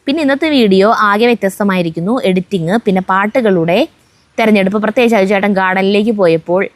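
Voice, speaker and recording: A woman co-hosting a family vlog, reading viewer comments aloud in a steady voice and breaking off now and then to chat and joke, outdoors at home on a windy day. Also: medium pitch, fast talker, no echo.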